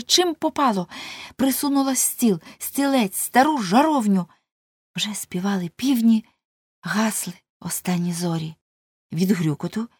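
A woman's voice: fairly high pitch, a little mellow, no room sound, clean studio sound. Woman narrating a dramatic story. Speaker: audiobook narrator. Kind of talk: scripted narration.

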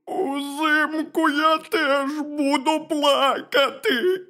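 A storyteller voicing a gentle bear cub who weeps over the passing of autumn. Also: medium pitch, lively intonation, full character voice. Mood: sobbing. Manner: slow, drawn-out, sobbing. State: weeping. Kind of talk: storybook reading.

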